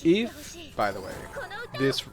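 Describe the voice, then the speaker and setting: A man's voice: lowish voice, normal speed. A man giving casual, rambling, self-deprecating gameplay commentary as he plays, in the manner of a gaming video creator. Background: game music, mouse clicks.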